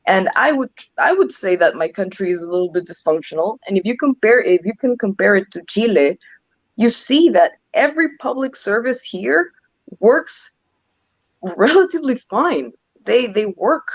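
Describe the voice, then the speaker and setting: A woman's voice: mid-range voice, expressive, moderate pace, no echo, highs cut off. A woman from Ecuador, answering interview questions earnestly and restarting her sentences often. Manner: earnest, frequent restarts and "um" fillers. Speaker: interview guest, legislative advisor.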